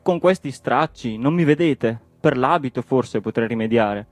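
A poor, carefree middle-aged villager, voiced by a male reader, calm and plaintive as he pleads his case. The voice stays close to a plain male reading voice, recorded dry with faint music behind. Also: medium pitch, normal speed, no echo, lightly acted.

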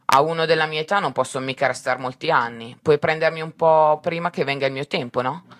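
A man's voice: fairly high pitch, steady tone, a little fast, a bit bright, no room sound, clean studio sound, natural voice. A man reading aloud and voicing an old, brave husband who pleads earnestly. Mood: resolute.

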